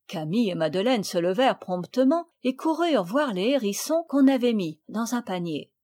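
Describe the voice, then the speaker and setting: A woman narrating a classic children's novel in a clear, measured storytelling voice. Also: a little high, animated, mellow. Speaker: audiobook reader.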